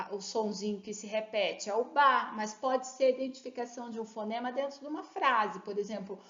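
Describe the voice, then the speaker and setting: Lively woman teaching in an echoey room. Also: a little high. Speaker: literacy educator. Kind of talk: instructional talk to teachers and parents. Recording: roomy, slightly muffled recording.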